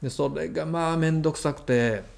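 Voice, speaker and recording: A man with a Kansai accent, a guest mentor recounting work stories in casual conversation, animated and chuckling. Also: a little high, a little fast, gravelly. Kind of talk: conversational storytelling.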